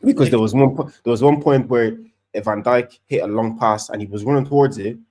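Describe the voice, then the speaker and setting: Brief: male podcast co-host, quick and excitable, restarts a lot in football chat. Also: mid-range voice. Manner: animated, rambling with many restarts. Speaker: podcast co-host, Arsenal fan.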